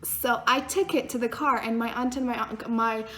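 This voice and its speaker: A young woman casually telling a story as a vlogger, animated and blunt, swearing freely. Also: fairly high pitch, normal speed. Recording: echoey room.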